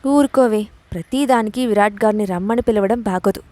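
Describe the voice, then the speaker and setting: A woman's voice: mid-range voice, brisk, warm tone, no room sound, lightly acted. A woman reading the part of a bold young woman boss in an audio story, with a mocking, commanding way of talking. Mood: taunting.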